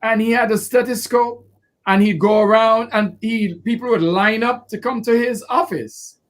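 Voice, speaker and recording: Guy lawyer talking, high voice, animated, acts out quotes. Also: moderate pace. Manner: expressive, acts out quotes with laughter. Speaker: defense lawyer. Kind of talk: animated interview answers.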